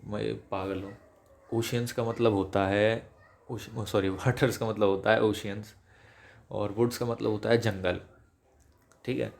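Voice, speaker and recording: A man teaching English vocabulary in a chatty lecture, switching between Hindi and English and slowing down to read English definitions. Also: fairly low pitch, steady tone, vocal fry, darkish tone. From India.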